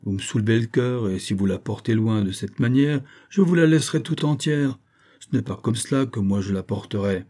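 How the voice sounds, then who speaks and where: A man's voice: on the low side, a little fast, mellow, natural voice. A man voicing a sly, wary male cat who teases with mock piety in a storybook reading. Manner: mock-pious, smug and teasing.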